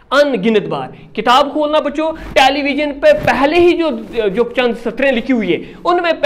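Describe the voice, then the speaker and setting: A male teacher giving a classroom lesson, repeating key words, quizzing his pupils and praising them often. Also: very high voice.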